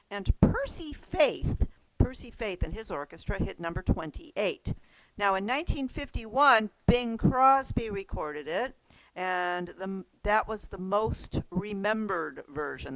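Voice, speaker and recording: A woman's voice: mid-range voice, no echo, low-quality recording. Chatty woman teaching a music class. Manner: chatty, laughs easily, trails off with restarts. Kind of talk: casual class lesson.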